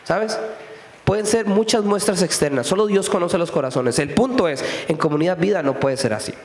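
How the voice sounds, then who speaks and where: Pastor, male, high voice, chatty sermon full of rhetorical questions, roomy reverberant hall. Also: fairly quick. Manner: conversational preaching with frequent rhetorical questions. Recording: echoey hall with long reverb.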